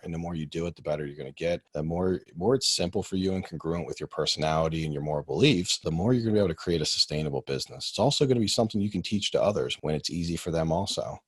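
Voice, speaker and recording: A man in his thirties hosting a podcast, coaching listeners in an energetic, emphatic way. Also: deep voice, no room sound. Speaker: podcast host. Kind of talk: casual coaching chat.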